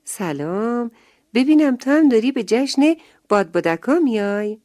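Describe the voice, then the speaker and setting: A woman's voice: fairly high pitch, lively intonation, mellow, no echo, clean studio sound, voice pushed up, natural voice. A woman voicing a friendly, curious little boy in a children's story, chatty and upbeat.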